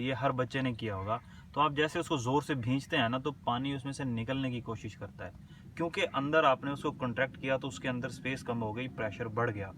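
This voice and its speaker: A man lecturing on medicine with a bright, forceful voice that sits a little away from the mic. He reads definitions slowly, then explains them in a relaxed, conversational way and often pauses to check in with his listeners. Faint background noise runs under the recording. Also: mid-range voice, recorded from a distance. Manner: checks in often with short confirming words.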